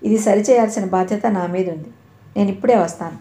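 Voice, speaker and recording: A woman's voice: medium pitch, quick pace, warm tone, roomy sound, natural voice. A woman voicing a worried young elder brother in a storybook reading, speaking earnestly and pleading. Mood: urgent.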